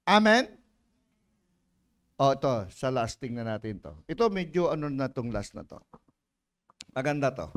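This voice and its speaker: A man's voice: medium pitch, big pitch swings, normal speed, pauses often. A man from the Philippines preaching a sermon as a pastor, mixing Tagalog and English and firing rhetorical questions at the congregation. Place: church.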